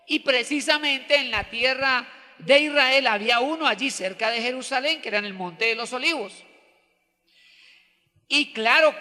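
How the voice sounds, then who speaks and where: A man preaching a sermon as pastor, animated and speaking directly to his congregation. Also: very high-pitched. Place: church hall. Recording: long hall reverb.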